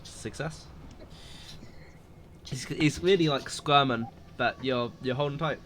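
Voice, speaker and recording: A male game master narrating a tabletop session in an ordinary mid-range voice. He pauses often and hedges with fillers as he describes what happens. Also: medium pitch, background noise. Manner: hesitant, filler-heavy narration.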